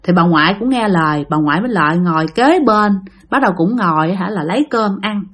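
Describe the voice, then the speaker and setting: A woman with a Southern Vietnamese accent telling a ghost story in an animated way, speaking straight to her listeners. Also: medium pitch, brisk. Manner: animated, addresses listeners directly. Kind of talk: spoken ghost story narration.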